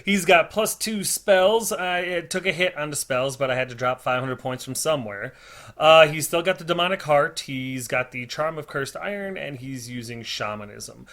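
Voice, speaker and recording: A man's voice: medium pitch, fairly bright tone. A man casually narrating a tabletop game report in a chatty, informal, self-deprecating way, recorded on a slightly distorted laptop microphone. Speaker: host of a tabletop wargame battle report series. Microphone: built-in laptop or monitor microphone.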